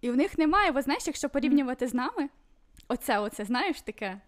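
Woman, podcast guest, very high voice, chatty and loose, lots of fillers. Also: big pitch swings, fast talker. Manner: chatty, full of fillers and restarts. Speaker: podcast guest living in Sweden. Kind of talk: casual chat.

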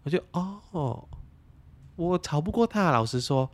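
Lively Malaysian woman telling a story. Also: lowish voice, a little slow. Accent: Malaysian Mandarin. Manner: animated, exasperated storyteller who acts out the people she quotes. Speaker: podcast speaker. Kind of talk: casual chat, telling an anecdote.

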